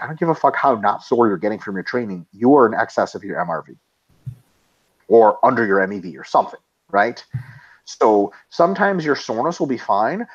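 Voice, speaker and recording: A man with a medium-pitched, slightly rough voice co-hosts a relaxed webinar Q&A in lo-fi sound. He reads out questions from listeners and answers them bluntly and emphatically, swearing freely.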